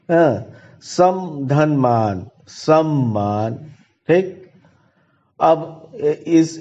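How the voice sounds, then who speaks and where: A man teaching grammar in a classroom lecture, slowly spelling out letters and repeating each example. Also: medium pitch, warm tone. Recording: dull lo-fi recording.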